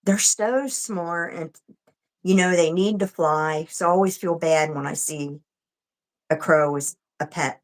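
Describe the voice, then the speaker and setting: A woman's voice: low-pitched, unhurried. A woman co-hosting a casual livestream chat, conversational with short agreeing replies. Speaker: livestream co-host.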